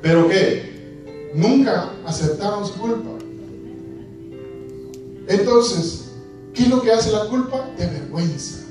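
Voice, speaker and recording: Male preacher, high voice, distant mic in a very echoey church, soft music beneath. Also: lively intonation, takes it slowly, pauses often. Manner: asks the congregation questions, dramatizes scripture. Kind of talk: sermon. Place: church hall. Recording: echoey church hall from far off.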